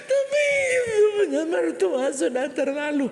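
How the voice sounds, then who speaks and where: A man voicing an upset wife in a high, whiny falsetto, pleading during a sermon story. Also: lively intonation, unhurried, creaky, darkish tone, heavily acted. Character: shrill upset middle-aged wife. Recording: echoey church hall.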